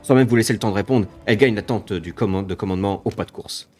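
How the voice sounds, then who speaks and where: A man's voice: fairly low pitch, fairly even intonation, fast talker, darkish tone, faint music behind. A man hosting a let's play, switching between offhand commentary and dramatic reading of game narration.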